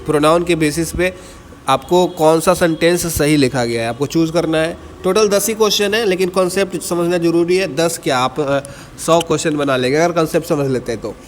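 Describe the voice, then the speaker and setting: Man teaching with slow dictated definitions. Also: a little high, long reverb tail, a little hiss or hum. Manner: mixes Hindi explanation with slowly dictated English definitions; keeps asking students to answer and checks with "ठीक है". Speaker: English teacher. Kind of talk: entrance exam lesson.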